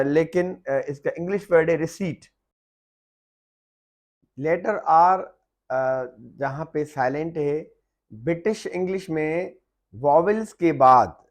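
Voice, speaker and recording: A man with a somewhat high voice gives an English lesson at an unhurried, measured pace. He hesitates often with drawn-out fillers and repeats each example word clearly and forcefully, like a patient tutor. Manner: slow, deliberate explaining with many "uh" fillers; repeats example words loudly and carefully. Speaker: English teacher. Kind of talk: lesson on silent letters in English words.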